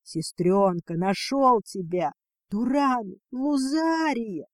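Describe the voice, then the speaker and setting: Man voicing a hoarse impulsive young dragon heir, fantasy audiobook, dry close sound. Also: extremely high pitch, expressive, slow, no room sound, exaggerated voice. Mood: urgent.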